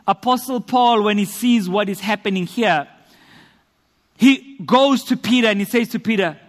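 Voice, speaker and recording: A South African man preaches a sermon and shares his testimony, earnest and rhetorical, building emphasis through repetition. His voice is high-pitched at a moderate pace. The long reverb of the church hall he's in fills the recording.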